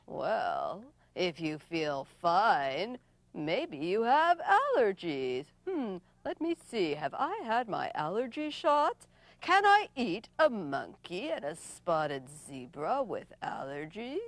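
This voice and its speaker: A woman's voice: very animated, dry recording, heavily acted. A woman growling as a hungry male leopard. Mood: menacing. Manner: slow, low growling threats.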